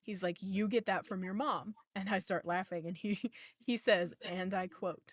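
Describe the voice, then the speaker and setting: A woman's voice: medium pitch, fairly even intonation, moderate pace, no echo, clean studio sound. A woman in her thirties hosting a podcast, telling a story in casual chat and acting out the back-and-forth dialogue with free swearing. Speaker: podcast host.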